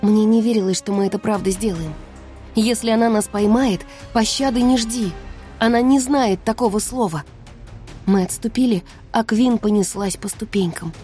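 A woman narrating a fantasy audiobook in the first person, in a tense, hushed storytelling manner. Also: medium pitch, moderate pace, soft background music. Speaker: audiobook reader.

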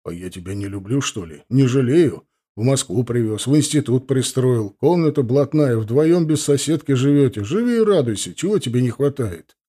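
A man's voice: mid-range voice, lively intonation, normal speed, few pauses, warm tone, breathy edge. Guy reading a strict dad, grumpy and impatient, asking stuff sharply. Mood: indignant. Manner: stern, exasperated questioning. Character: stern middle-aged father, quick to anger.

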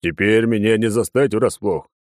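A man reading an audiobook, voicing an old male warrior who speaks slowly and in a measured way. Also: on the low side, a little mellow, no echo, clean studio sound, close to an everyday voice. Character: old male warrior, gruff and fair-minded.

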